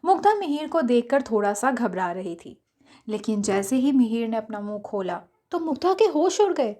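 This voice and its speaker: A woman narrating a romantic audio story in a smooth, steady storytelling manner. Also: on the high side, normal speed.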